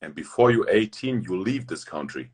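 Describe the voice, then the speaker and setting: A young man from Germany, a basketball player, telling stories fast in loose, broken English as an interview guest. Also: lowish voice, very animated, darkish tone, breathy edge. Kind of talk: casual interview storytelling.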